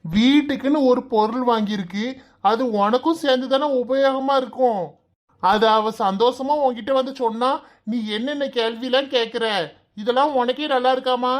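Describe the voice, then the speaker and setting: A woman voicing a gentle grown son in a Tamil cartoon who pleads with his mother and keeps the peace, with a Kanyakumari Tamil accent. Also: fairly high pitch, normal speed, natural voice. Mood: soothing. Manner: soothing and pleading. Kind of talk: cartoon voice acting.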